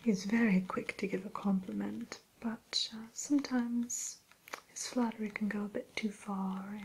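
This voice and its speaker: A woman playing a haughty evil fairy-tale queen turned shopkeeper in a breathy ASMR whisper, speaking in a genteel, unhurried way. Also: medium pitch, fairly even intonation, a little hiss or hum, rough recording. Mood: genteel, disdainful. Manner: genteel, aloof, unhurried, hesitant pauses.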